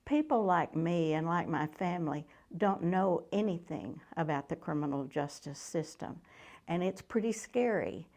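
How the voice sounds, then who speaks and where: A woman interviewed as a relative of crime victims, speaking in a calm, sincere way. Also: fairly low pitch, moderate pace. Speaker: family member of crime victims.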